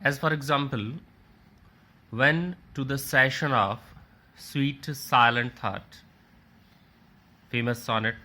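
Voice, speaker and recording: A man lecturing on literature at an unhurried pace. His voice is bright and clear, and he repeats each definition in new words. He points his listeners through examples on a slide. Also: mid-range voice. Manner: slow, explains by restating and rephrasing.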